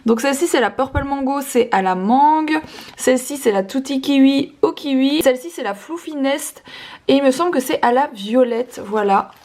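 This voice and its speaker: A woman's voice: high-pitched, expressive, moderate pace, darkish tone. A young woman chatting casually in a home vlog, upbeat and full of fillers as she unboxes a parcel. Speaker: family vlogger. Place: at home, indoors.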